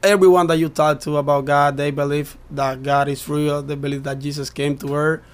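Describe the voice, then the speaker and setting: A man's voice: on the high side, level tone, brisk, smooth. A man being interviewed, earnestly explaining his point in a conversational way, with many likes and you-knows. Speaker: interview guest, young people's ministry leader.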